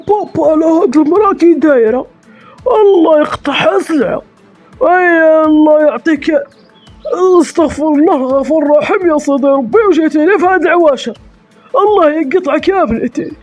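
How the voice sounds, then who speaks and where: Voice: high voice, a little fast, a little mellow, soft background music, lightly acted. An actor playing a fuming old father who curses and rants at his daughter in a comedy sketch. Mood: exasperated scolding. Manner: cursing, exasperated ranting.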